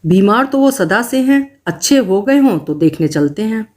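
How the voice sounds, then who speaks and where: A woman's voice: mid-range voice, animated, normal speed, a little mellow, natural voice. A woman reading the part of a dry, sardonic middle-aged husband in a story reading. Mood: wry.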